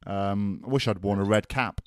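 Speaking at normal speed in a lowish voice, this Welsh-accented man from Wales co-hosts a podcast full of casual chat, joking banter and frequent laughter. The sound is clean studio audio with no room sound.

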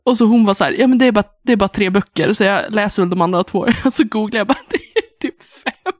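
Amused co-host, young woman, mid pitch, dry sound. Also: no room sound. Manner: giggly, amused, chatty. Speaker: podcast co-host. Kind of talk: casual chat about books.

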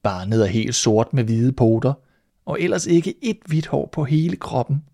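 A man's voice: mid-range voice, animated, gravelly. A man reading a fairy tale aloud, voicing a sly, greedy tomcat who talks smugly and turns threatening. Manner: smug and sly, turning sharp and threatening. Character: sly greedy male tomcat, smug and menacing.

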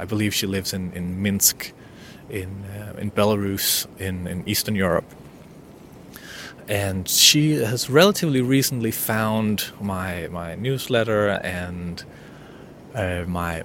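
On his unscripted solo podcast, a man whose native language is Danish speaks in a low, fairly bright voice. His manner is hesitant and personal, full of restarts, and a little hiss or hum sits under the audio.

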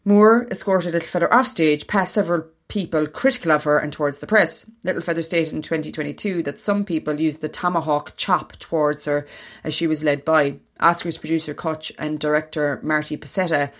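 An Irish woman hosts a podcast in a distinctly low voice. She shifts between reading from prepared notes and relaxed conversational talk with her co-host. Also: brisk.

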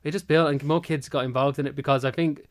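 Fast-talking man from Manchester, crisp voice. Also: on the high side, steady tone. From Manchester, England. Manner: chatty, rambling storytelling. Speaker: cheerleading club founder and coach. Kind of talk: casual interview answers.

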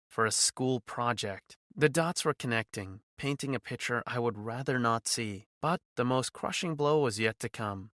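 A man's voice: mid-range voice, fairly bright tone, no echo, clean studio sound. A man narrating a first-person audio story in a wry, sardonic tone.

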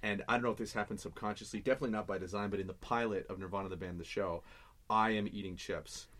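A man guest chatting casually, an animated storyteller who stammers on restarts and gets loud when excited. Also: fairly low pitch, fast. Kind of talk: casual chat.

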